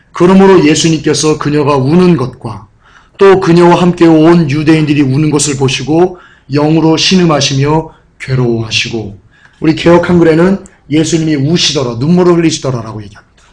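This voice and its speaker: Male pastor, high voice, emotional sermon, repetitive rhetorical style. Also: poor audio.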